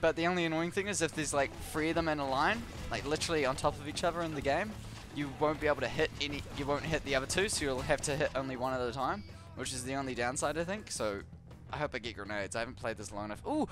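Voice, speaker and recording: A man's voice: mid-range voice, quick pace. A young man gives playful, chatty let's play commentary on a shooter, making gun noises and swearing. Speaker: gamer playing a shooter. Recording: game music behind the voice.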